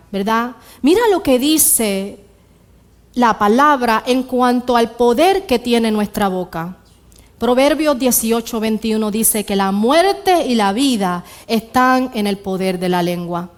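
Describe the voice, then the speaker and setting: A woman with a Puerto Rican accent preaching a church sermon, asking the congregation rhetorical questions and repeating her key lines. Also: a little high. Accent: Puerto Rican Spanish. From Puerto Rico.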